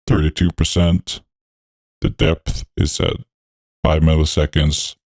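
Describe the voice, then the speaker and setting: A man talking through a voice changer that deepens his voice. He hosts a music production tutorial, narrating each step in a laid-back, technical way with frequent fillers. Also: darkish tone, no room sound, studio quality. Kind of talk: walkthrough narration over a screen recording.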